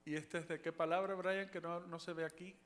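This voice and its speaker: A man teaching a Bible study class, talking haltingly with many fillers and restarts and asking the class questions. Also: fairly high pitch, level tone, a bit bright.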